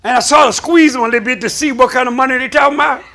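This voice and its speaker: A male pastor preaching a sermon to his congregation, calling for responses and climbing into shouts. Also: very high voice, very fast, vocal fry. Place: church sanctuary.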